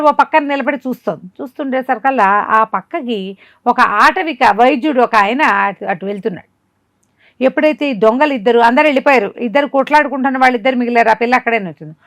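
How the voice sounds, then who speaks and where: A woman with a voice on the high side speaks at a quick pace, with no echo. She's a storyteller conversationally telling a listener a folk tale, animatedly acting it out and performing the quoted dialogue.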